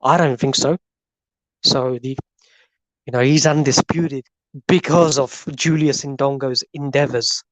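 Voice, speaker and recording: A man's voice: mid-range voice, steady tone, unhurried, long pauses, dry recording, low-quality recording. A man co-hosting a casual boxing podcast, giving emphatic, sarcastic opinions. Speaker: podcast co-host.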